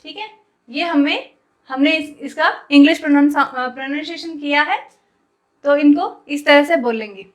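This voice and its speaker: A woman's voice: high voice, normal speed. A woman teaching a Punjabi script lesson online, patiently explaining each letter step by step as she writes it and addressing viewers as guys.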